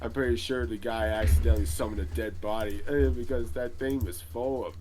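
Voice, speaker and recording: A man's voice: medium pitch, fairly even intonation, brisk, warm tone, faint music behind, close to an everyday voice. A man playing a boastful middle-aged veteran magic hero in an improvised role-play podcast interview, rambling and hesitant, full of filler words. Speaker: interview guest.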